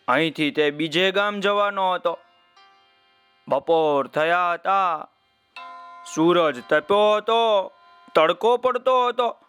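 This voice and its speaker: Slow, high-voiced male children's storyteller. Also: clean tone. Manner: warm, addresses young listeners directly by name.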